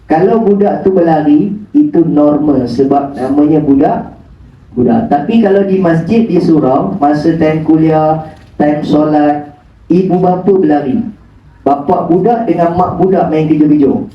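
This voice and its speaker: A man with a fairly high, unhurried voice gives a joking religious lecture full of teasing rhetorical questions in a mosque prayer hall. He's a preacher, captured on a phone camera from far away, so the audio sounds dull and echoes through the hall.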